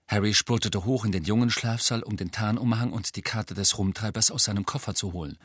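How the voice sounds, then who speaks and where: A man reading a novel aloud as an audiobook narrator, with expressive, measured storytelling. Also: fairly low pitch, husky, no echo, studio quality.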